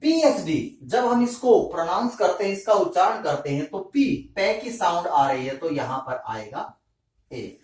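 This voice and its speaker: A man teaching English grammar in a classroom lesson, asking rhetorical questions and answering them himself in a deliberate way. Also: sits high, big pitch swings, a little mellow. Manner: slow, deliberate explaining. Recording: echoey room, mic at a distance.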